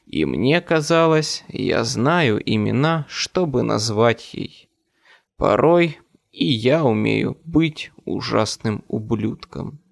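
A male audiobook narrator telling a first-person story in a measured, dramatic way. His pace is slow and unhurried, with a gravelly edge to a mid-pitched voice. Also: expressive.

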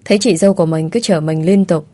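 A woman narrating a family drama in a calm, even storytelling manner. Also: lowish voice, fast talker. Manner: calm, even storytelling, voicing the characters' quotes lightly. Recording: soft music behind the voice.

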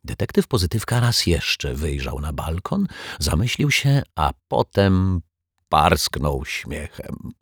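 A man reading a children's story aloud with expressive storytelling. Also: extremely low pitch, takes it slowly, slightly rough, no room sound, clean studio sound. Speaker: narrator.

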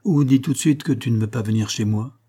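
A man reading aloud voices a vain, jovial man who laughs at everything and insists loudly. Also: medium pitch, brisk, husky, lightly acted. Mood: insistent.

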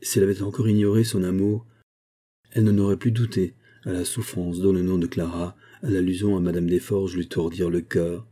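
A man reading a classic novel as an audiobook, in a measured, steady narration. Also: sits low.

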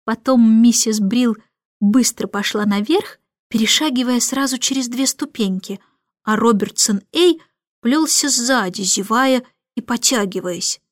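A woman narrating a children's storybook in an expressive, measured way. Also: a little high, no echo, studio quality. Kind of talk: scripted audiobook narration.

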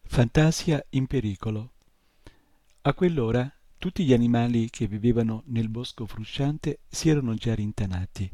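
A man reading a novel aloud in a measured storytelling voice. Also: medium pitch, mellow, dry recording. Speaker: reader of a novel. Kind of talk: audiobook reading.

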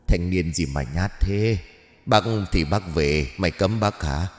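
A man voicing a grumpy, crude old male ghost who scolds and pries, in a gruff manner in a spoken horror-comedy story. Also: low voice, unhurried, big-room sound, soft background music. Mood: scolding.

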